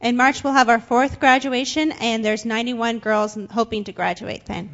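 A woman's voice: fairly high pitch, fairly even intonation, normal speed, a bit bright, muffled recording. A young woman interpreting into English for a guest in a church, slightly hesitant with fillers. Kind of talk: consecutive interpreting. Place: church sanctuary.

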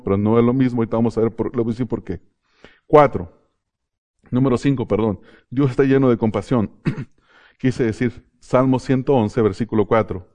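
Middle-aged man, pastor; mellow voice, conversational preaching with laughs. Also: medium pitch. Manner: addresses the congregation as brothers, tells personal stories with laughter. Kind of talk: sermon.

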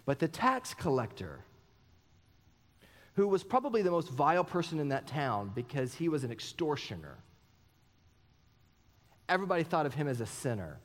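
A man's voice: on the high side, sing-song, moderate pace, long pauses. A man in his thirties preaching a sermon as pastor, earnest and personal, asking many rhetorical questions. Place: church sanctuary. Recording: long church hall reverb.

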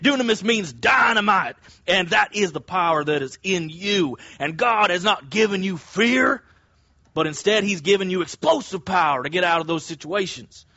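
Man putting on a bombastic, high-pitched evangelical preacher. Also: expressive, moderate pace, bright, forceful tone, no room sound, dull audio, heavily acted. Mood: bombastic, fervent. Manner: emphatic, declaiming. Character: bombastic evangelical preacher proclaiming explosive power.

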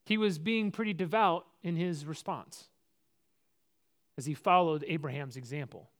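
A man's voice: fairly high pitch, normal speed. A man preaching a sermon in a conversational way, posing rhetorical questions and often restarting his words. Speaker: pastor.

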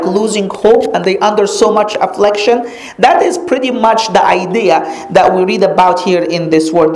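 In an echoey room, a woman whose native language is Arabic preaches a sermon on a Bible passage, dwelling on key phrases through slow, dramatic repetition. Her voice is medium-pitched with a darkish tone.

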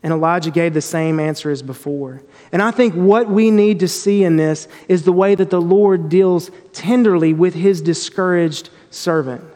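A man's voice: sits high, normal speed, few pauses, a little mellow, big-room sound. A man giving an earnest, reflective devotional Bible teaching, often restarting his phrases.

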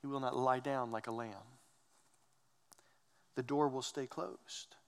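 A man's voice: medium pitch, steady tone, takes it slowly, gravelly, smooth, long reverb tail. A man preaching a sermon, earnest and emphatic, asking rhetorical questions. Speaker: pastor.

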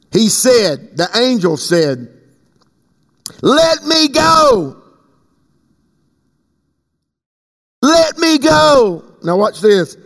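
High-voiced fervent male preacher in a reverberant hall. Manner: fervent preaching that swings from booming shouts to hushed asides. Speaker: pastor. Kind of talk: sermon.

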